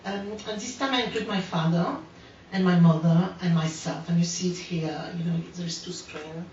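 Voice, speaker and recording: Recorded dully in an echoey room on a distant mic, with slight background noise, a woman from France speaks at normal speed in a steady, lowish, slightly mellow voice. In her 40s and a native French speaker, she delivers an unscripted artist talk, hesitating with lots of fillers and restarts.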